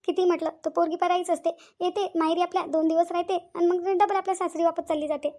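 Her voice is very high and warm, with little pitch movement and a quick pace. In an amateur family drama she portrays an earnest, tender young wife from a village, speaking with a Vidarbha Varhadi Marathi accent; the mood is wistful, and she pleads emotively, repeating phrases.

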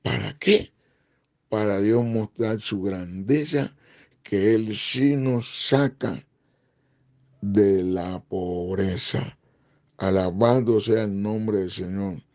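An older man preaching a recorded sermon as a pastor, slow and emphatic, with frequent exclamations. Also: fairly low pitch, darkish tone. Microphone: close-up camera, head and shoulders framing.

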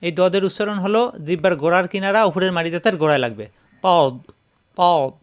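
A man teaching Quran recitation, spelling out syllables slowly and then chanting the verses drawn out. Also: high voice, clean tone.

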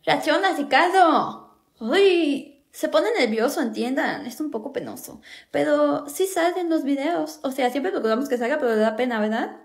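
Sassy high-voiced young woman. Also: animated, moderate pace. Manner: sassy, playful delivery. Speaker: comedy sketch creator. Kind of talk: acted comedy skits.

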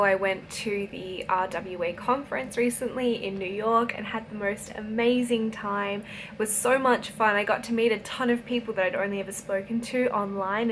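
A woman's voice: mid-range voice, fairly bright tone, a little hiss or hum. A young woman with an Australian accent, a writer chatting casually to camera with a lot of ums. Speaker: YouTuber and writer. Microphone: laptop in front, looking down.

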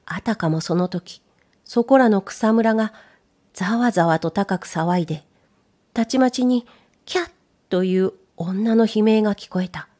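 A woman narrates a period tale in a calm, measured voice. Her tone is mellow and dark rather than bright, and her pitch sits in the middle range. She drops softer at the tense moments. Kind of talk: scripted narration of a period story.

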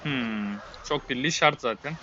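A man's voice: medium pitch, moderate pace, muffled recording, noisy background. A man giving a live, muttered running play-by-play while he plays a game, often exasperated. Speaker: game streamer. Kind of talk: live gameplay commentary.

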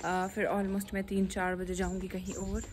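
A woman's voice: medium pitch, completely flat delivery, moderate pace, background noise. A young woman from Kashmir chatting to her phone at arm's length, narrating her day as a vlogger, out on the streets, in a cafe and at home. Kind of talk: casual vlog chat.

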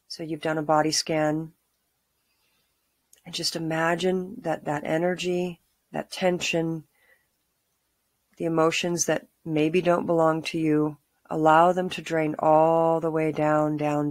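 A middle-aged woman leading a calm guided grounding exercise, giving soothing, unhurried instructions with pauses. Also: low-pitched, no echo. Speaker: meditation guide. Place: small room at home, indoors.

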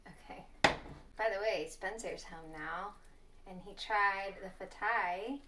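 A woman's voice: mid-range voice, slow pace, bright, forceful tone, reverberant, slight background noise. A young woman hosting a casual cooking vlog, chatting upbeat to the camera in her home kitchen. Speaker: host.

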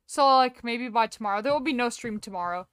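A woman game streamer with a fairly high, very smooth voice, close and dry on a compressed mic. She chats casually and playfully to viewers, breaking into exclamations and cutting herself off. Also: brisk, a bit bright, no echo. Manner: playful, self-interrupting, exclamatory. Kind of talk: casual livestream chat while gaming. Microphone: close streaming microphone with software compressor.

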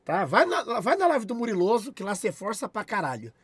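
A young man with a Brazilian accent, chatting on a live stream, loud and profane, shouting thanks at his chat. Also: high voice, huge pitch swings, fairly quick, slightly rough, dry recording. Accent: Brazilian Portuguese.

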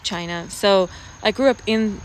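An American vlogger in her forties, an expatriate raised around the Pacific Basin, sits in a leafy garden and talks casually and reflectively to camera in a mid-range voice. Her speech is halting and thoughtful, with pauses. Filmed on a phone held at arm's length, the clip carries clear outdoor background noise with a cricket-like ambience.

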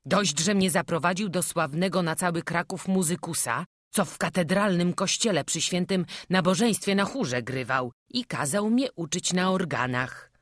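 A woman's voice: on the low side, normal speed, no room sound, clean studio sound. A woman narrating an audiobook, reading a historical story and giving village characters their own voices. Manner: voices village characters in old-fashioned dialogue.

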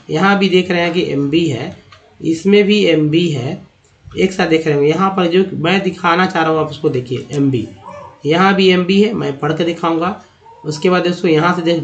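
Middle-aged male teacher, a touch high-pitched, drills words over and over and asks then answers his own questions. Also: muffled recording. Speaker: English teacher. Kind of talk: classroom-style lesson on pronunciation.

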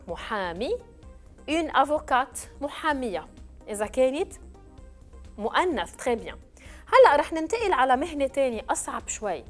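A woman teaches French vocabulary in a TV lesson, her fairly high voice rising and falling a lot. She drills each word slowly and spells it letter by letter. Soft music plays in the background. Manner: slow, clearly spelled-out drilling of words. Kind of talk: televised classroom lesson.

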